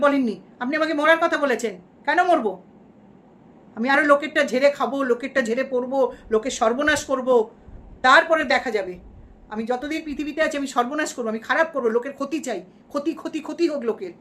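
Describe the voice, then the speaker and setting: A woman's voice: sits high, rapid-fire, close to an everyday voice. A woman doing a gloating shameless vlogger villain. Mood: indignant. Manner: gloating, mock-defiant rants. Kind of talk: mock livestream parody.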